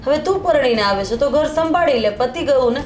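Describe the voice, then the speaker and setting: A woman's voice: sits high, expressive, fairly quick. A woman playing a lazy elder daughter-in-law who answers in a dismissive, mocking way. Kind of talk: family drama acting.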